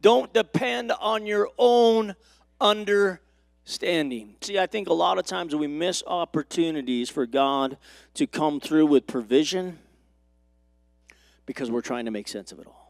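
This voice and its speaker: A man's voice: on the high side, measured pace, gravelly, no echo, clean studio sound. A male pastor preaching a sermon to his congregation, with rising and falling emphasis and questions to the room. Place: church.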